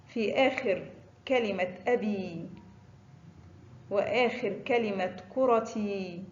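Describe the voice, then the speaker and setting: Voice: mid-range voice, darkish tone, reverberant, highs cut off. An Arabic teacher reciting a phonics lesson, stretching out each example word after stating the rule. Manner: drawn-out example words after brisk letter rules.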